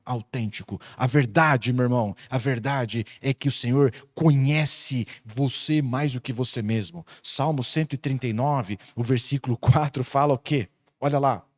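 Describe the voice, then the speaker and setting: A man with a Brazilian Portuguese accent preaching a sermon as pastor, swinging between loud emphatic peaks and quiet intimate asides. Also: mid-range voice, normal speed, hardly any pauses.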